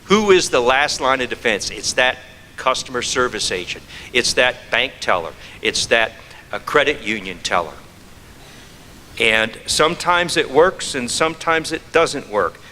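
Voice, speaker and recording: A man's voice: medium pitch, animated, a little slow, sharp tone, a little hiss or hum. Man giving a talk in an echoey hall. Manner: asks rhetorical questions, repeats phrases for emphasis. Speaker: fraud prevention speaker. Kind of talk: presentation to an audience.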